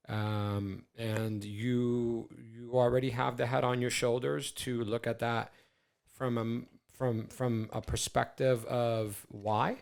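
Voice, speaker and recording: A man's voice: mid-range voice, gravelly, darkish tone. A man in his forties co-hosting a podcast in casual chat, rambling and stammering with plenty of swearing. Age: 40s. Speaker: podcast co-host.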